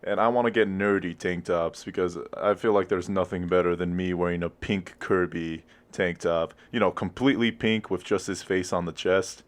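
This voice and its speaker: Deep-voiced, laid-back young man. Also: fairly even intonation, normal speed, few pauses. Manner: laid-back, hesitant with many ums. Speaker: podcast co-host. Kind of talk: casual podcast chat.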